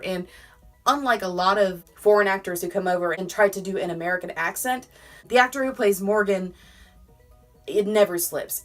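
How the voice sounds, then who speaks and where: Chatty woman recapping a TV episode. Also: lowish voice. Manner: enthusiastic, laughs often, quotes characters in passing. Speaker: YouTube TV reviewer.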